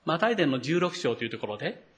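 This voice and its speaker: A man's voice: on the high side, sing-song, fast talker. A male pastor preaching a sermon, speaking to the congregation directly and acting out the quoted lines.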